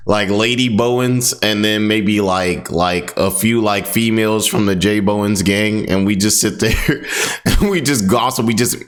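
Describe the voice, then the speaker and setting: A man's voice: lowish voice, a little slow. A man hosting a commentary video, talking in a laid-back, rambling way, full of fillers and laughs. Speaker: commentary channel host. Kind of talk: casual commentary.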